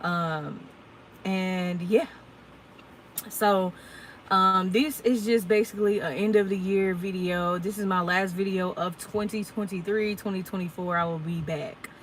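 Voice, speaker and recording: A woman's voice: mid-range voice, fairly even intonation, measured pace, slight background noise, low-quality recording. A woman in her twenties, a truck driver chatting casually and candidly to her viewers in a live Q&A, full of y'all and ums. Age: 20s. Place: at work, unloading her truck.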